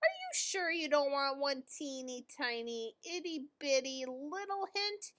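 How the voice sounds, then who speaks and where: Childlike male storybook bird, played by a woman, very high, swooping, pleading, eager, impatient. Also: exaggerated voice. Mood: teasing, eager. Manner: excitable, pleading, drawn-out eagerness.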